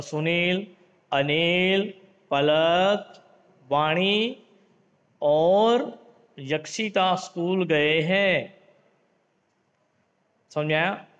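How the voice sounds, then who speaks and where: A male teacher talks unhurriedly through a grammar lesson in a fairly high voice. He leans on examples, mixes in English words, and addresses the class as friends. The sound is dull and lo-fi, with a long echo from a large reverberant room. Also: fairly bright tone. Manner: reads example sentences in a lifted, acted voice.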